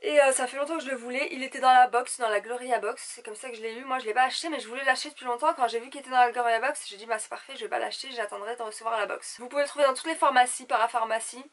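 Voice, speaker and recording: A young woman with a high voice, gossiping to the camera like she would with her girlfriends. Her delivery is animated and theatrical, in a casual vlog chat style. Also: very fast, few pauses. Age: young adult. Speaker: beauty vlogger. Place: small indoor room at home.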